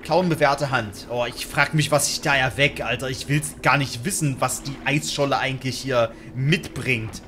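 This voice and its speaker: A young man chatting casually through a game as a YouTuber, slangy, joking and reacting loudly. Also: medium pitch, fairly even intonation, normal speed, few pauses, slight background noise. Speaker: gaming YouTuber. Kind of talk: casual let's-play commentary.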